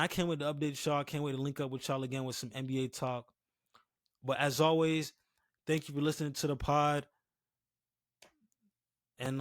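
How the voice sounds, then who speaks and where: A man's voice: mid-range voice, dry recording. A young man hosting a casual sports podcast with laid-back, slangy talk, slightly lisping from wearing retainers, with a dry mouth late at night.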